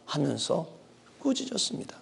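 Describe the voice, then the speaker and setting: A middle-aged male pastor preaching a sermon, dramatic and full of rhetorical questions, swinging between loud emphasis and hushed asides. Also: sits high, very animated, normal speed, gravelly, a little hiss or hum. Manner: asks the congregation rhetorical questions.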